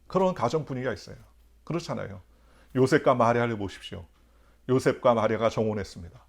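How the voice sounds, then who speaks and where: A man's voice: medium pitch, fast, creaky. A male pastor preaching a dawn sermon, telling stories and asking the congregation rhetorical questions with emphasis. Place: church.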